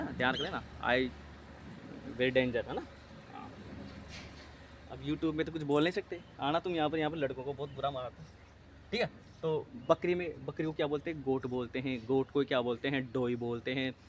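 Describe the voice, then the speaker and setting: A man's voice: medium pitch, slight background noise. A male teacher giving an exam-prep lecture, drilling students by asking a question and answering it himself, with English terms mixed in. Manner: mixes Hindi with English terms.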